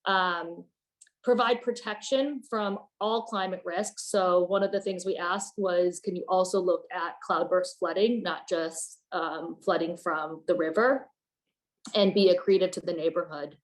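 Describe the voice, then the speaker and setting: A woman's voice: fairly low pitch, fairly even intonation, measured pace. A woman representing a neighborhood group, presenting design principles in a conversational way with fillers. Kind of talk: online presentation.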